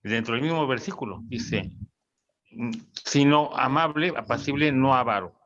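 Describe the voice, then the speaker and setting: A man's voice: mid-range voice, moderate pace, fairly bright tone. A man, a pastor teaching a ministry class, explaining Greek words and asking his students questions. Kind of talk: classroom Bible teaching, conversational. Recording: dull lo-fi sound.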